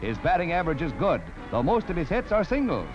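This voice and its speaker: High, lively 1940s newsreel announcer man. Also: fast. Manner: emphatic, declamatory announcer delivery. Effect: old 1940s newsreel soundtrack. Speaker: newsreel narrator. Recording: dull lo-fi old film soundtrack with music. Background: music score.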